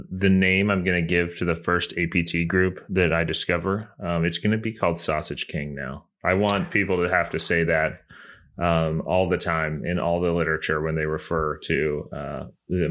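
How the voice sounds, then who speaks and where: Deep-voiced man joking in casual chat. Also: steady tone, moderate pace, a bit bright. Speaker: podcast panelist.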